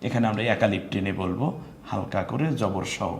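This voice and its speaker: A man's voice: lowish voice, vocal fry. A man with a Bangladeshi Bengali accent teaching Quran recitation in a live online lesson, explaining patiently and drawing out example words. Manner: explains slowly, then draws out sung example words. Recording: echoey room with faint noise.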